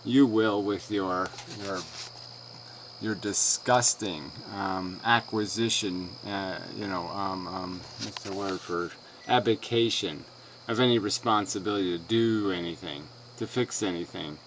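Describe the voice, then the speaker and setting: A man with a fairly low voice delivers a combative response rant. He is mocking and dismissive, brushing off the other side with sarcasm. Faint hiss and night insects sit underneath. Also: measured pace, a bit bright, poor audio. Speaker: video blogger responding to another video.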